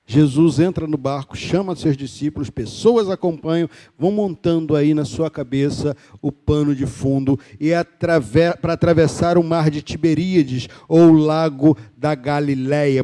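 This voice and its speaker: A Brazilian pastor in his fifties delivers a sermon in a notably high voice. He builds rhythmic, repeated phrases to loud emphasis, then drops to a hushed, soft delivery.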